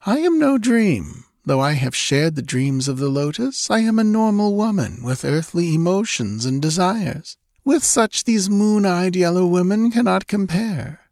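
A man's voice: high-pitched, animated, a little slow, few pauses, a little mellow, dry recording, studio quality, voice pushed up. A man reading aloud and voicing a seductive, lazily mocking Stygian woman. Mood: languid boasting. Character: sultry scheming Stygian woman, mocking and languid.

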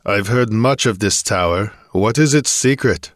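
Blunt young barbarian warrior, plain-spoken, deep voice, read by a male narrator. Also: measured pace, dry recording, studio quality, close to an everyday voice. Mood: curious.

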